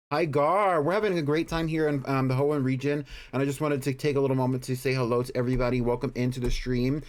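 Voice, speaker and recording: A man's voice: a little high, clear, resonant tone. A man hosting a casual game livestream, chatty and friendly as he greets viewers and comments on play. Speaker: live game streamer, host. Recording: music playing behind the voice.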